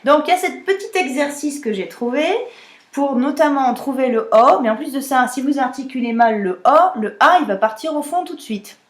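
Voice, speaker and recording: A woman's voice: high voice, lively intonation, moderate pace, roomy sound. A woman singing teacher explaining a vocal technique exercise and demonstrating vowel sounds with her own voice.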